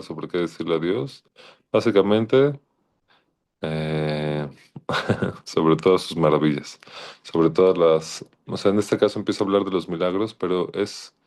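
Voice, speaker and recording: A man's voice: low-pitched, a little mellow. A man giving an informal Torah lesson, thoughtful and searching, often restarting his sentences. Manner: thoughtful, searching, with frequent restarts and quoted Hebrew verses.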